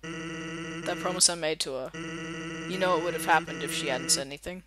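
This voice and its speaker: A man's voice: fairly high pitch, steady tone, normal speed, very noisy, natural voice. A man voicing a laid-back male skeleton sentry, telling jokes in an easygoing drawl while reading game dialogue. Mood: warm. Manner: easygoing, drawling joke-teller. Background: game music.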